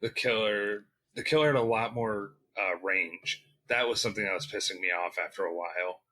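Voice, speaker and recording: A man's voice: lowish voice, moderate pace, sharp tone, low-quality recording. A man co-hosting a gaming podcast, complaining in casual chat, swearing and acting out his reactions. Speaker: podcast co-host.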